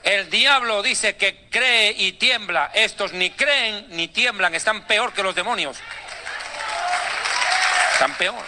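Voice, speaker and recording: A male preacher delivers a dramatic, sarcastic sermon. His voice sits high and rings with a very bright, forceful edge. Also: slow, some chatter behind, slight background noise.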